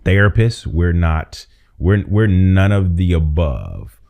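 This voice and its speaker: A man's voice: low voice, sing-song, slow, vocal fry, a little mellow. A man co-hosting a casual podcast conversation, rambling and restarting his sentences as he thinks aloud. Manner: rambling, restarts and repeats himself. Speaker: podcast co-host. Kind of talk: casual chat.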